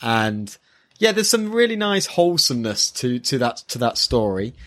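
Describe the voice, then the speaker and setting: A medium-pitched man with big pitch swings, a moderate pace, and a somewhat bright sound shares casual impressions as a podcast co-host new to manga. He's hesitant and keeps searching for words in this relaxed review chat, recorded through a built-in microphone.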